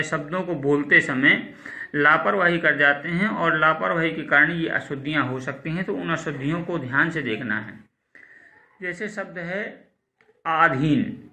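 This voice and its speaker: A man teaching a school language class online, slowly repeating words and contrasting wrong and right pronunciations. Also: a little high, pushed and bright. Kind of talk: recorded online class lesson.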